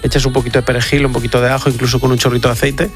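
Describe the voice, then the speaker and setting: A man's voice: medium pitch, level tone, racing, soft background music. A man hosting an afternoon radio show, playful and teasing. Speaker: radio host. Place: radio studio.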